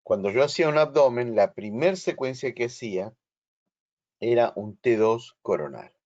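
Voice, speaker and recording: A man with a Rioplatense Spanish accent giving a slow, explanatory online lecture and checking that his students follow. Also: medium pitch, expressive, darkish tone, muffled recording. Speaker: instructor. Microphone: video call.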